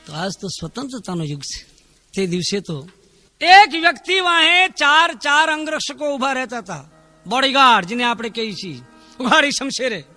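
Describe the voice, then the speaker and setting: Very high, bright-voiced male folk storyteller. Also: lively intonation, moderate pace, faint music behind. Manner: dramatic, declamatory, with rhythmic listing. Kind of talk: dayro folk storytelling performance.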